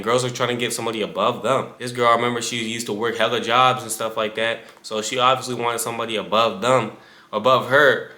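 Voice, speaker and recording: A man's voice: mid-range voice, bright, forceful tone. A man in his twenties giving casual advice straight to the viewer, full of slang and asides. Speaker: fitness creator. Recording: echoey room.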